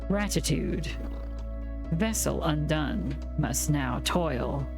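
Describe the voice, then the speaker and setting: A woman's voice: low-pitched, expressive, slow pace, music in the background, voice pushed down, exaggerated voice. A woman voicing a cold, cryptic alien in a game, speaking in clipped, broken phrases without emotion. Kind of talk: reading game dialogue aloud.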